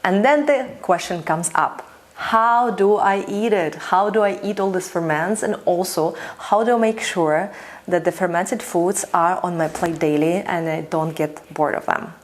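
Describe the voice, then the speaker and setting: Speaking unhurriedly in a low voice, this woman from Russia teaches home fermentation in a to-camera instructional video for her channel. Her manner is warm with enthusiasm and conversational, peppered with frequent "you know"s.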